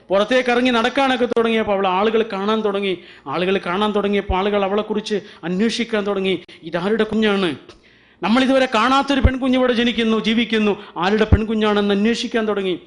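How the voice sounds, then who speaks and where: A man's voice: high-pitched, lightly acted. A man telling the lines of a grieving chief's confession. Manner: pleading, repeats a plea refrain.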